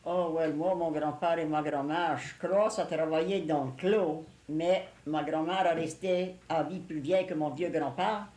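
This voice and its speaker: A woman's voice: low voice, fairly even intonation, measured pace, hardly any pauses, dark tone. Older Cajun French woman in an echoey room. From Louisiana, USA. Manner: plain-spoken, rural storytelling with English words mixed in. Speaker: interviewee recalling family life. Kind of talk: casual oral-history reminiscence.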